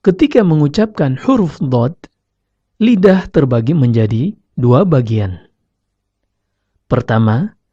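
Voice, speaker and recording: A man giving slow, deliberate scripted narration as a recitation teacher, demonstrating each sound himself. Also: mid-range voice, dark tone, dry recording. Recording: dry, slightly dull lo-fi recording.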